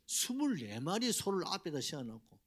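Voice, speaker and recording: Animated pastor preaching. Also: male voice, sits high, normal speed, slightly rough. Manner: animated preaching with rhetorical questions to the congregation. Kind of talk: Sunday sermon. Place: church sanctuary.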